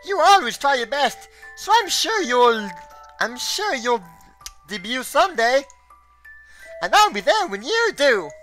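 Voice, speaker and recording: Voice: sits high, very animated, measured pace, faint music behind, voice pushed up, heavily acted. A streamer doing a cheerful, eager young girl. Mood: encouraging. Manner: bright, eager, raised voice. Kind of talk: visual novel voice reading.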